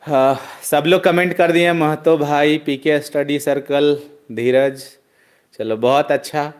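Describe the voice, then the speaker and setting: A man teaching an online chemistry class. He drills students loudly in call-and-response and chides them as he goes. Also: on the high side, fairly even intonation, slow pace.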